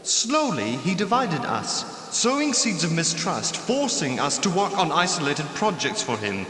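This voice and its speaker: An actor voicing the ghost of a young murdered knight in a video game, pleading and tormented, with theatrical delivery. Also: male voice, on the high side, big pitch swings, a little slow, sharp tone, full character voice. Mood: bitter, sorrowful. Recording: echoey hall with long reverb.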